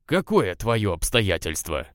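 A man's voice: fairly low pitch, big pitch swings, takes it slowly, no room sound. A man reading aloud voices an irritable, stubborn young man who answers curtly. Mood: grumbling. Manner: dry, curt, grumbling.

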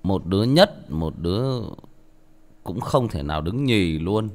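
Nam đọc truyện, giọng trầm, mệt. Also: male voice, sits low, lively intonation, measured pace. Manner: rambling, many restarts. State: tired. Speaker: audiobook narrator. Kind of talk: story reading and casual chat.

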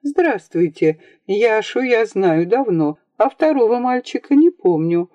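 A woman voicing a gentle, kindly noblewoman mother in an audiobook, speaking softly and calmly. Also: a little high, measured pace, dry recording, highs cut off, pitched above the performer's own voice. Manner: soft, calm, gently reserved.

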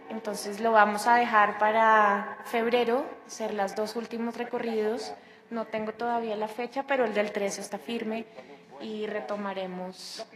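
A woman with a mid-range voice, a guest who organizes a sound project, chats casually about it on a radio program with many restarts. Her voice has a roomy sound.

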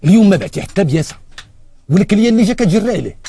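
Prying Moroccan man, dark rapid voice; film role. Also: high voice, lively intonation, gravelly, husky, full character voice. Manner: prying, confrontational. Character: suspicious adult man, questioning a friend. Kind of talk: film dialogue.

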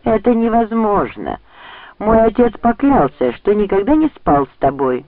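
A man's voice: high-pitched, big pitch swings, unhurried, no echo, pitched above the performer's own voice, heavily acted. A man reading an audiobook, voicing a smug, scheming young nobleman with a sneering tone. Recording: dry, tinny phone-like sound.

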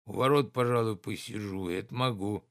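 A man's voice: on the low side, dry recording, studio quality, close to an everyday voice. A man reading the part of a lazy, grumbling old manservant who drawls his excuses. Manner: drawling, reluctant, slow.

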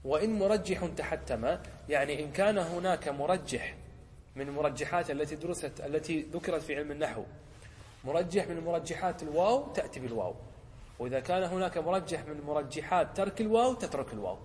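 Fast-talking sheikh in a reverberant room. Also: male voice, a little high, expressive, darkish tone, slight background noise. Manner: asks the class short checking questions; slows down to quote examples. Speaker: sheikh teaching Arabic rhetoric. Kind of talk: lecture explaining a teaching poem.

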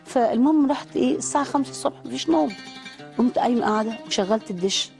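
A woman's voice: fairly high pitch, racing, vocal fry, darkish tone, soft background music. A woman with an Egyptian accent telling a fervent, prayerful personal testimony. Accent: Egyptian Arabic. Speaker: guest giving testimony.

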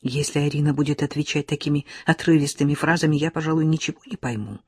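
Woman reading an audiobook, breathy voice, dry close sound. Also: low-pitched, fairly even intonation, quick pace, no room sound. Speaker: audiobook narrator. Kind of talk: first-person audiobook narration.

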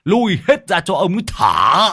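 A man's voice: on the low side, sing-song, normal speed, sharp tone, no room sound, studio quality, exaggerated voice. A man putting on a bossy, cursing old village shaman. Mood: scolding. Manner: bossy, scolding, curses freely. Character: gruff greedy old male village shaman.

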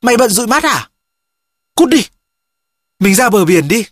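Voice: medium pitch, expressive, fast talker, a bit bright, no echo, clean studio sound, pitched above the performer's own voice. A reader voicing a pushy teenage boy who badgers his friend, in an audiobook. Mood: badgering. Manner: brash, badgering.

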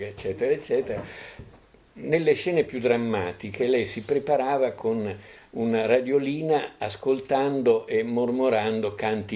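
A man with a fairly low voice speaks at a bookshop event. His storytelling wanders and keeps circling back with fillers and little tag questions to the listeners. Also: gravelly, warm tone. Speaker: panelist at a book presentation. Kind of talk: anecdotal public talk.

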